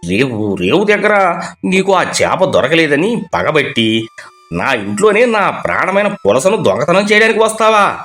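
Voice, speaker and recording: The family's proud father-in-law in a cartoon tale speaks with a deep-dropping, threatening anger and a lively pitch, as a man plays him. Faint music lies beneath him. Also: moderate pace. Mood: angry. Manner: angry, threatening. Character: stern older male householder, hot-tempered.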